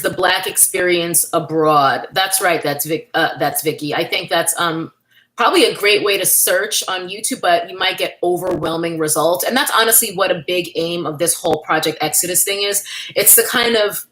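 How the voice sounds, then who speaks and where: A New York woman hosts a casual livestream, chatting candidly and reading viewer comments aloud while thanking people by name. Her voice sits fairly low and sounds pushed and bright, and the audio quality is poor.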